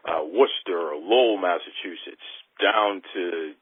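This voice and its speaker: A man's voice: low voice, measured pace, breathy edge, no echo, narrow, tinny audio. A man from Boston interviewing a guest casually. He is enthusiastic and often repeats his words.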